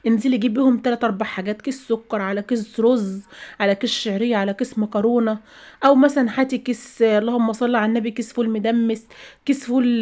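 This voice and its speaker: A woman's voice: a little high, a little mellow. A woman with an Egyptian accent hosting her own channel, giving emphatic, preachy advice to viewers in a casual way and often repeating her phrases. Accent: Egyptian Arabic. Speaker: channel host.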